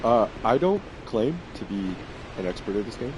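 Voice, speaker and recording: A man's voice: lowish voice, big pitch swings, normal speed, noisy background. A man hosting a gaming video with casual gameplay commentary.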